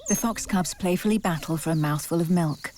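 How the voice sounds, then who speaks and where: A woman's voice: fairly low pitch, brisk, noisy background. A woman reading scripted narration for a wildlife documentary.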